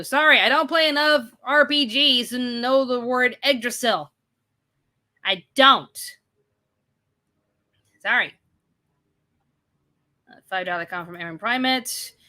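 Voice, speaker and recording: A woman in her thirties chats casually with her stream audience, reading their questions aloud and firing back animated, exasperated opinions. Her voice sits a touch high and has a bright, forceful edge. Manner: animated, ranting, bursts of exasperated emphasis. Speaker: host of a live chat and Q&A stream.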